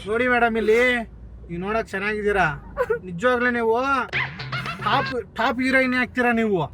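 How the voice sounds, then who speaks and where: A man's voice: very high-pitched, steady tone, a little fast, music in the background. A man playing a prank, talking in a pushy, teasing and coaxing way inside a car. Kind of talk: hidden-camera prank talk.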